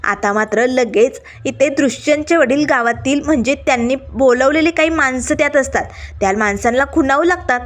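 A woman narrating a television serial episode recap in a steady storytelling manner. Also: high voice, moderate pace. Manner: steady retelling with stock phrases.

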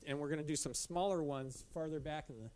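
This caving club presenter, a middle-aged man, has a slightly high, slightly mellow voice. He runs through a casual slide talk in a dimly lit lecture room, speaking loosely and haltingly with frequent restarts and fillers.

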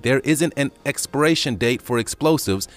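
A man reading a scripted countdown video narration in a lively storytelling manner. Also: mid-range voice, moderate pace, faint music behind.

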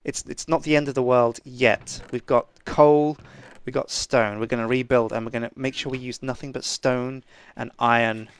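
Creaky-voiced man commentating a game. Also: mid-range voice, fairly even intonation, normal speed, few pauses. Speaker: gaming video co-host. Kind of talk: casual gameplay commentary.

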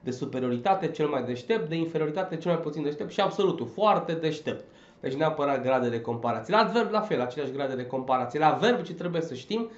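A man gives an emphatic exam-prep lesson in a fairly high voice, pressing each point and checking in with short questions. The recording sounds roomy and a little dull. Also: animated. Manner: emphatic, drills points with frequent "da?". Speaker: Romanian language teacher. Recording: echoey, slightly dull recording.

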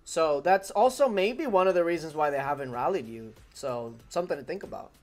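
Faint music sits behind a young Spanish-accented man whose first language is Spanish, speaking in a fairly high, slightly mellow voice with brisk, lively delivery. He streams games live from a desk in a room at home, chatting casually with viewers and frequently repeating himself.

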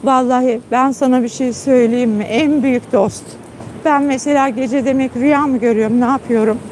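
A tired woman chatting casually to her viewers on a phone live stream. Her voice sits fairly high but has a mellow, soft tone. Faint noise drifts behind her in the night garden. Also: steady tone, brisk. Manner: chatty, warm-hearted, calls her dog in high coaxing tones. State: tired after a long trip. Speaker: channel host.

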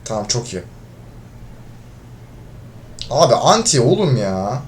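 Very animated yet slow-paced, a mid-range male voice commentates his own gameplay over slight background noise. The gaming video creator gets frustrated, swears at his teammates, and shouts whenever he's losing.

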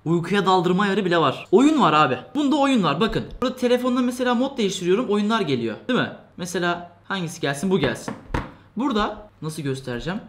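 Fast-talking, high-voiced male tech vlogger. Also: big pitch swings, slight background noise. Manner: chatty, joking, laughs often, mock-complaining. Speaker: tech reviewer. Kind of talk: casual product review vlog. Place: at his desk indoors.

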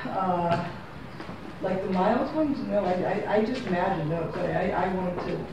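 Talking casually and off the cuff about her photography, a woman rambles and corrects herself at a moderate pace in a lowish voice. She's far from the only recording device, a room camera, in a small, very echoey gallery, and steady background noise lies under her speech.

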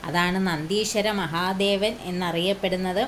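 A woman telling a devotional story in an unhurried, casual way, pausing often and asking the listeners questions. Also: lowish voice, fairly even intonation, slight background noise.

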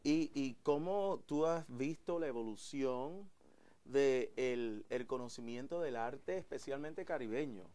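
Lively man hosting a TV interview. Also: medium pitch, unhurried. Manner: animated, chatty, frequent fillers. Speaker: TV show host. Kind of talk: casual interview.

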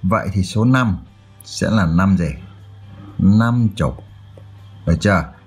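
A man's voice: low-pitched, slow pace, slightly rough, soft background music. A man tutoring children through a math exercise, explaining step by step and often checking that they follow. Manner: checks in often with "được chưa?".

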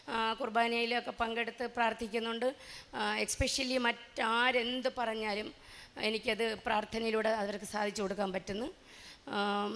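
Woman, 50s, from Kerala, earnest grateful testimony, bright tone, long hall reverb. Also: fairly high pitch. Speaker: testimony speaker. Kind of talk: emotional testimony.

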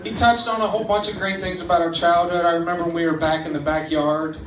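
A man's voice: on the high side, fairly even intonation. Man giving an echoey wedding toast. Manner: halting, informal delivery with repeated phrases. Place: evening wedding reception under string lights. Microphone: handheld microphone through PA, recorded by distant camera. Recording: distant, echoey event recording, loud crowd noise.

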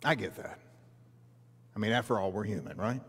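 A man's voice: lowish voice, lively intonation, normal speed, fairly bright tone, slightly rough. A middle-aged man preaching a sermon from a church stage, earnest and building to emphatic rhetorical questions as he walks about. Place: large church sanctuary. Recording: long reverb of a church hall.

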